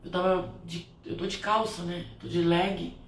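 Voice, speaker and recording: A woman's voice: fairly low pitch, little pitch movement, a little slow. A woman who performs spiritual blessings shares a heartfelt, rambling reflection at home, restarting her sentences often. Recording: roomy, distant from the mic, faint ambient noise.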